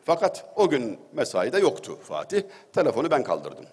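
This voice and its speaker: A man's voice: mid-range voice, huge pitch swings, moderate pace, darkish tone, breathy edge. A middle-aged man giving a religious talk, telling anecdotes with wry humor and an easy storytelling manner. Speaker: religious speaker. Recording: long hall reverb.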